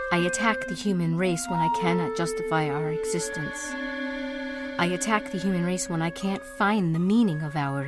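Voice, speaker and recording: A woman narrates a dramatic spoken-word monologue in a lowish voice, her phrasing theatrical, deliberate and incantatory.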